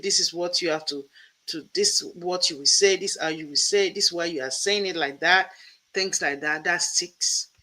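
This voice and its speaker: A man's voice: sits high, pushed and bright, rough recording. A man hosting an interview, explaining points one by one in an emphatic way. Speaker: host and professor. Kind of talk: interview conversation.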